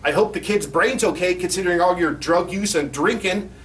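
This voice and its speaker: A man as a crude infomercial clown pitchman, echoey room. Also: brisk, a bit bright. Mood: mock-sentimental recital. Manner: crude, swearing, mock-sincere. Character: crude, cynical clown pitchman selling insulting greeting cards. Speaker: comedian in character as a clown. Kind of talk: spoof infomercial sales pitch with recited rhyming card verses. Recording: roomy echo, faint background noise.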